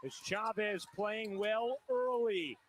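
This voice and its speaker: A man calling a basketball game live as play-by-play commentator, in brisk, measured calls. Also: high-pitched. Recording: TV broadcast audio with loud noise.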